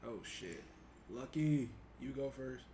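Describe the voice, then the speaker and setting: A young man co-hosting a casual podcast with friends, loud, profane and excitable, often breaking into laughter. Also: mid-range voice, takes it slowly. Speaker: podcast co-host. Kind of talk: casual chat among friends.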